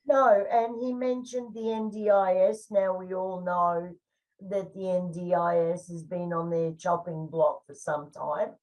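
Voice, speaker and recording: Slow-spoken Australian woman, off-mic. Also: on the low side, little pitch movement, darkish tone, far from the mic, rough recording. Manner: measured, opinionated, frequent "you know" and "um". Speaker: co-host. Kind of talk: casual discussion of the federal budget.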